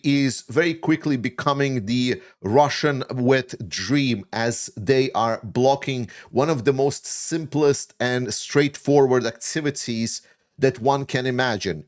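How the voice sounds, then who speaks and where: A man from Latvia who speaks English as a second language, hosting an opinionated news commentary. He talks bluntly and with a sarcastic edge, often pausing on "uh". His voice sits at a mid-range pitch for a man. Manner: frank, sarcastic, frequent "uh" pauses. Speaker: commentary channel host.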